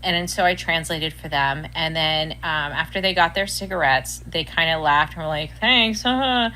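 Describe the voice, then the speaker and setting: A woman retelling a story in an animated way. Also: moderate pace, slight background noise, low-quality recording. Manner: animated, high-pitched retelling. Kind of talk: storytelling clip.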